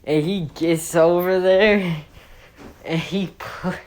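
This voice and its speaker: A woman's voice: fairly low pitch, steady tone, slow pace, darkish tone. A woman telling a casual comic story, rambling and profane with many fillers and restarts.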